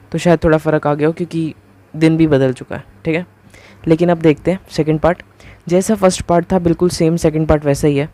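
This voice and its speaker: Guy teaching math on a whiteboard, chatty, keeps asking "what's left?", soft mellow tone. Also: a little high. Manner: conversational, keeps asking the viewer rhetorical questions; talks through each step while writing. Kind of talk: casual whiteboard lecture.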